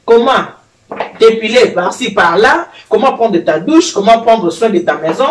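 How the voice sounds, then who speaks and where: An older woman hosting a home cooking show and giving marriage advice, with a teasing, animated way of talking. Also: mid-range voice, measured pace. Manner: chatty, teasing, animated storytelling. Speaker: host, grandmother. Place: home kitchen. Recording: echoey room, voice from far off, faint noise.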